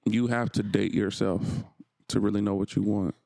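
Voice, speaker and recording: A man's voice: fairly low pitch, steady tone, normal speed, vocal fry, mellow, dry recording. A married man co-hosting a podcast, telling a story in laid-back casual chat, restarting and repeating phrases. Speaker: podcast co-host.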